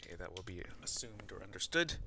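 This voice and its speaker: A male math teacher lectures with a bright, forward voice. He dictates notation piece by piece as he writes it out and explains it along the way. There is faint noise behind him. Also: sits low, sing-song, quick pace, vocal fry. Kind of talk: board lesson, explaining while writing out notation.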